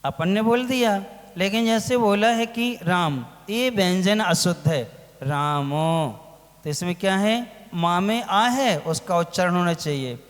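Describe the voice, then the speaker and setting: A man giving a religious lecture as a monk, asking his listeners questions and answering them himself, drawing out key words slowly. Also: sits high. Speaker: Jain monk teaching a scripture class. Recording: long hall reverb.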